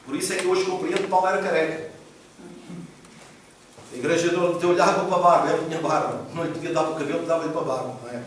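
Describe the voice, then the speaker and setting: A man's voice: fairly high pitch, fairly even intonation, fast, slight background noise. A male pastor preaching a sermon, emphatic and asking the congregation questions. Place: church hall. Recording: echoey hall, mic far off.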